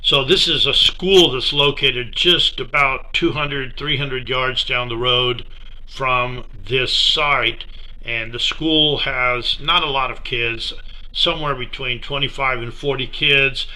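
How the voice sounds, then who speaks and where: Middle-aged man, very bright voice, relaxed slideshow talk, lots of uh and um. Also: medium pitch. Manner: relaxed, unhurried, many fillers. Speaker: missionary presenting a slideshow. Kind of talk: casual slideshow presentation.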